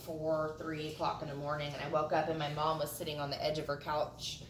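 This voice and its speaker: A woman with a lowish voice tells a story to friends in a loose, animated way, swearing and acting out the quotes. She is picked up from a distance in a roomy space with a faint hiss behind her. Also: fairly quick. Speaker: friend at a hot sauce tasting. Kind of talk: casual storytelling among friends. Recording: roomy sound from a distant mic with faint noise.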